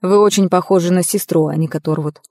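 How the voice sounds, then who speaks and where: A woman's voice: fairly low pitch, steady tone, fast talker, warm tone, no room sound, natural voice. A woman voicing a stern older woman nurse in a storybook, dry and disapproving. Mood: curt.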